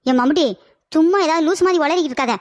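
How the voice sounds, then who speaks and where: A woman voicing a loud, teasing young friend who shouts at a half-deaf old man, in a cartoon comedy. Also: sits high, very fast, soft background music, natural voice.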